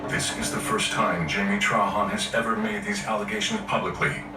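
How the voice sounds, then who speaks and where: A man with a fairly low voice narrates a true-crime documentary from a script. The sound is echoey and a little distant, with music clearly underneath. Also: flat delivery, normal speed.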